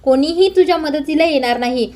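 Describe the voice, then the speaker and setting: A woman's voice: high-pitched, fairly quick, a little mellow, lightly acted. A woman voicing a scheming older male villain in a serial recap, with a taunting, menacing manner. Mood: gloating.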